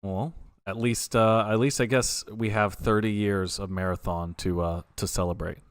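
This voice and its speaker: A man's voice: fairly low pitch, steady tone, moderate pace, clean tone, dry recording, studio quality. A man hosting a livestream, interviewing casually in an effusive, informal way with rambling questions. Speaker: livestream host.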